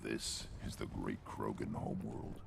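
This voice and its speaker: A hulking, brooding alien warrior from a video game. He speaks slowly in an extremely deep, heavily gravelled rumble. His tone is blunt and scornful, with clear background noise. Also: steady tone, full character voice. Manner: slow, brooding. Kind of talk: scripted video game dialogue.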